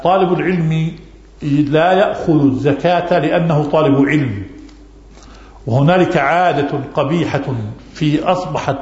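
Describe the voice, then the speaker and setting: A man who is an Islamic scholar answers religious questions during a lesson, his voice on the high side with a darkish tone. He repeats key phrases for emphasis, and the recording is echoey, dull, and lo-fi.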